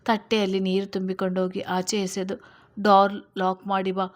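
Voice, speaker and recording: A woman voicing a firm young woman who calms her friend and gives brisk, clear orders in a storybook reading. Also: medium pitch, close to an everyday voice. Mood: instructing. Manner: firm, commanding, brisk instructions.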